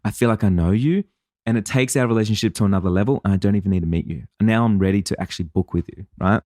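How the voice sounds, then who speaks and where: Male podcast host and coach, lowish voice, dry close sound, blunt and emphatic, swears casually. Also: very fast, warm tone, no echo. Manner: acts out listeners' and clients' voices. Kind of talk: solo podcast monologue.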